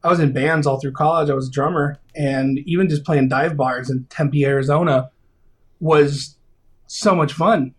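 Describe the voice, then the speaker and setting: A man in his thirties, a video game composer, talking casually in an interview, rambling and excitable with lots of fillers and restarts. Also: fairly high pitch, normal speed, husky.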